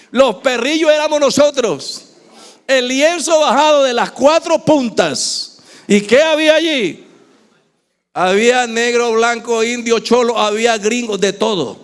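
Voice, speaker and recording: A man with an Ecuadorian Spanish accent preaching a sermon in a church, swinging from shouting to hushed tones. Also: extremely high pitch. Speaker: pastor.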